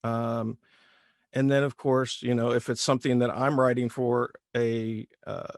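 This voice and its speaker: A man's voice: mid-range voice, little pitch movement, unhurried, dry recording, clean studio sound. A man in his thirties from Indiana with a light rural Midwestern twang, chatting easygoing as a voice actor guest. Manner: easygoing, rambling with restarts. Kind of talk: casual interview.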